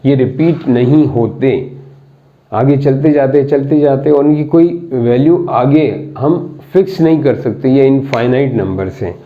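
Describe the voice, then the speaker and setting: A man's voice: mid-range voice, unhurried. A man teaching a maths class, mixing Indian-accented English terms into his explanation and often repeating key words and asking students questions. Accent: Indian English mixed into Hindi. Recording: tinny phone-like audio.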